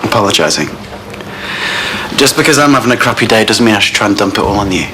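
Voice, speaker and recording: An actor playing a coaxing, smooth-talking man in a naturalistic TV soap. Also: on the low side, animated, fast talker, bright, forceful tone. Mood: persuasive, charming. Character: smooth, coaxing man having a bad day, wooing a woman. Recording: noisy TV drama soundtrack with room ambience.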